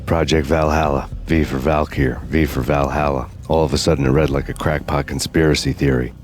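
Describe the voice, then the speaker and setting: An actor playing a world-weary noir detective in a video game, narrating in a grim, deadpan hardboiled style. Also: male voice, extremely low pitch, brisk. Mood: grim, brooding. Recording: loud music behind the voice.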